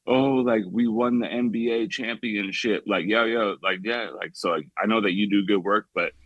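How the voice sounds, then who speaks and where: A young man from the San Francisco Bay Area calls in to a talk show and rambles casually, stuffing nearly every phrase with "like" and restarting often. His fairly low voice stays fairly even and moves at a normal pace, with dull, echo-free audio.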